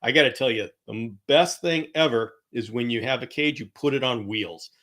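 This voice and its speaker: A man's voice: medium pitch, normal speed, a bit bright. A man hosting a live stream, chatting casually with viewers, rambling with fillers, laughing and apologizing often. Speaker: host of a live chameleon show.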